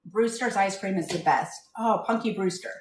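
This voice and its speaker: A woman's voice: medium pitch, moderate pace, echoey room, recorded from a distance. A woman hosting a live cooking stream from her kitchen, chatting casually and rambling from one tangent to the next. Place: home kitchen.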